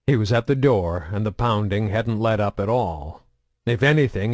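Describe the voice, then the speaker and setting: A man narrating a science fiction novel in a steady, measured reading style. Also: on the low side, no room sound, clean studio sound. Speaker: audiobook narrator. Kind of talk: audiobook narration.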